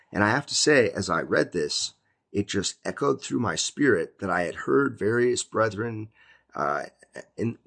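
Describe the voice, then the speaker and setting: A man with a low, gravelly voice preaches a sermon. His tone is husky and a little rough. He reads each verse slowly and then unpacks it in plain, emphatic speech. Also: fairly bright tone. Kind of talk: sermon with Bible reading.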